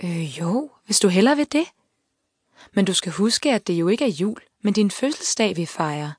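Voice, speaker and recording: A woman voicing a caring middle-aged mother who asks gentle, concerned questions in an audiobook. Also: mid-range voice, animated, breathy edge, no echo, clean studio sound. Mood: hesitant. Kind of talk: audiobook character voice.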